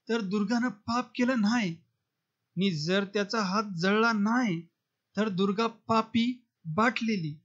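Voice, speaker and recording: Brief: defiant young villager read by a man, forceful, lo-fi storybook. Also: high-pitched. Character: bold young village man defying his father. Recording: dull lo-fi recording.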